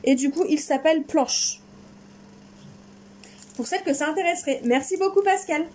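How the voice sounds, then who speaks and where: A woman's voice: high-pitched, moderate pace, darkish tone, slight background noise. A woman chatting casually and enthusiastically while unboxing craft supplies in her vlog. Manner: enthusiastic, chatty, exclaims often. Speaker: crafting vlogger.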